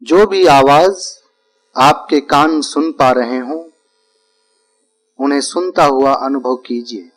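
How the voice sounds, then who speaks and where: A man leads a guided relaxation as a yoga nidra teacher, calm and deliberate, using short, repeated phrases broken up by pauses. His voice is mid-range, and the recording is rough.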